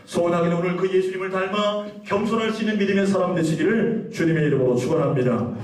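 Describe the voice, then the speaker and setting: A male pastor preaching a sermon, asking the congregation questions, leading them in call-and-response and reading scripture slowly with emphasis. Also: high voice. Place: church sanctuary. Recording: echoey church hall, voice from a distance.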